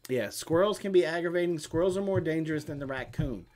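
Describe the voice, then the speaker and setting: A middle-aged man co-hosts a homestead live stream, chatting casually and answering questions in a rambling, explanatory style packed with fillers. His voice is a little high and slightly mellow, with lively intonation and a quick pace.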